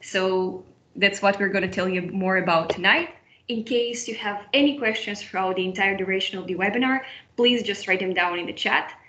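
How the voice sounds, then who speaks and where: A young woman from Moldova runs an online student webinar, friendly and prone to restarts and repetitions. Her medium-pitched voice sounds pushed and bright at normal speed. The video-call recording is roomy and dull, with slight background noise.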